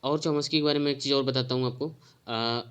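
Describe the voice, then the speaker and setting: A man of middle pitch walks students through an exam-prep lesson. He explains each answer in Hindi laced with English terms and reads the answer options out slowly. He keeps checking in with his listeners as he goes. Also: steady tone, fairly bright tone, clean tone. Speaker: teacher.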